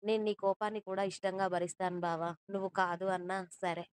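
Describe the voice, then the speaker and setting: A woman's voice: mid-range voice, steady tone, fast talker, clean tone, no echo, close to an everyday voice. A woman voicing a stubborn, lovesick young woman who pleads tearfully in an audio story. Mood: pleading.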